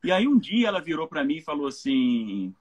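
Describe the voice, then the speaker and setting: A man's voice: a little high, very animated, brisk, dull audio. A Brazilian man, a pastor, giving an informal Bible teaching on a live stream and often checking in with his listeners. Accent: Brazilian Portuguese. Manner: informal, keeps checking in with tag questions.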